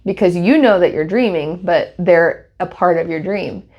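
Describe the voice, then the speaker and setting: A woman co-hosting a podcast, telling a personal story in casual chat, animated and laughing as she goes. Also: on the low side, moderate pace, muffled recording. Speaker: podcast co-host.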